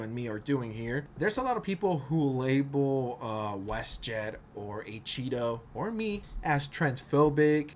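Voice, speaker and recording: A man with a slightly high voice gives casual commentary as an online video host. He talks conversationally, as if to friends, and is blunt and opinionated. His wording is slangy and full of swearing. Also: slight background noise. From outside the United States.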